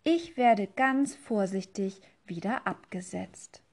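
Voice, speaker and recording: Slow storytelling woman. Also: mid-range voice, a little mellow. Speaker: teacher reading a story aloud. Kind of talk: children's storybook reading.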